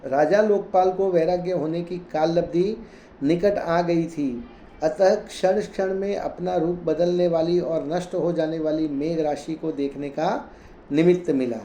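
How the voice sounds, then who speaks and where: A man reads scripture aloud, chanting the verses slowly before explaining them in plain, conversational Hindi. His voice sits fairly high yet sounds mellow and relaxed. The room is echoey, with a faint hum behind him. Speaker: Jain scripture reader and teacher.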